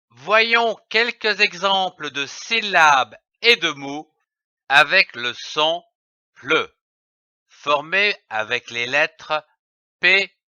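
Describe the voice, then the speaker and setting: Male reading teacher, bright and clipped, dull, dry lo-fi recording. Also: fairly high pitch, no echo. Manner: spells out letters, deliberate and over-articulated. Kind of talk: slow syllable-by-syllable reading lesson.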